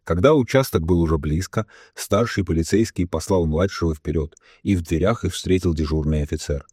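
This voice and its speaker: A male narrator reads a novel in a deep, husky voice. His tone is dark and mellow. The recording is dry and close, with no room sound. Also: dry recording. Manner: reads all characters himself, slowing for solemn quotes. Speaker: audiobook narrator. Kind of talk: scripted narration.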